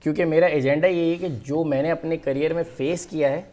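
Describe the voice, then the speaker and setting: A man in his thirties, a guest on a TV sports talk show, pressing his point again and again. He argues with a defensive edge and keeps turning to "sir". His voice sits a little high for a man. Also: steady tone, fairly quick, mellow. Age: 30s. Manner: insistent, defensive, often starts with "sir". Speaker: cricketer guest.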